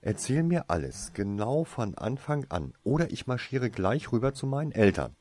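A man's voice: mid-range voice, sing-song, moderate pace, darkish tone, dry recording, voice pushed up. A man voicing a curious, insistent young witch girl in a fantasy storybook, talking in a pushy, scolding way.

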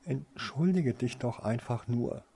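A man's voice: fairly high pitch, fairly even intonation, a little fast, darkish tone, husky, voice pushed up. A man doing a desperate pleading brother. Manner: pleading, insistent.

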